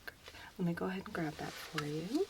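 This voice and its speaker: A woman playing a gentle, reassuring doctor in a soft, unhurried ASMR role-play. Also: fairly low pitch, noisy background, natural voice. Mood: soothing, caring.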